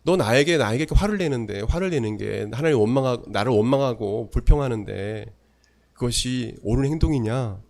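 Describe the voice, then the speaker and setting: A man preaching voices God as a patient father figure. He asks measured, gently reproving questions and slows down to let them land. The pitch sits in a plain middle range. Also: creaky, close to an everyday voice.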